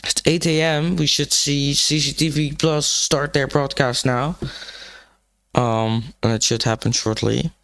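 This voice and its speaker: A man hosts a live stream on his own in a room, his voice gravelly with morning roughness. He rambles with plenty of fillers and restarts. The sound is close and dry. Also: fairly high pitch, steady tone, unhurried, fairly bright tone, no echo. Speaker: livestream host. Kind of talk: casual live-stream chat. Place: room, alone.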